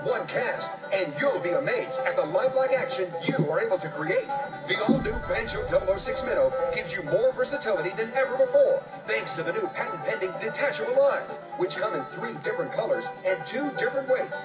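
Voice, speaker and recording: A man's voice: high-pitched, expressive, reverberant. Older salesman on dull tv audio. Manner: slow emphatic selling voice. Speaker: infomercial pitchman. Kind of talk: scripted infomercial sales pitch. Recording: dull lo-fi TV clip with music.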